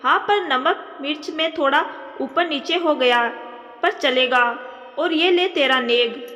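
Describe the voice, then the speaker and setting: A woman's voice: sits high, takes it slowly, pushed and bright, heavily acted. A woman reading a fond, joking uncle. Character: good-humoured middle-aged uncle. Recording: long reverb.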